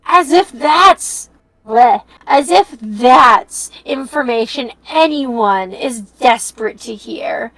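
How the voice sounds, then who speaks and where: A woman's voice: fairly high pitch, lively intonation, takes it slowly, fairly bright tone, no room sound, exaggerated voice, poor audio. A woman voicing an irritated moss creature from a game, grumbling dramatically and hungry for gossip. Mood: irritated, demanding. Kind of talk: game dialogue read-aloud.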